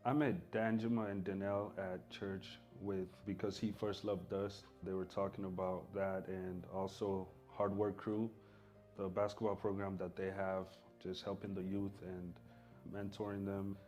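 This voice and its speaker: A man's voice: sits low, flat delivery, unhurried, a little mellow, faint music behind. A man from South Sudan, a basketball coach, giving an earnest video testimonial.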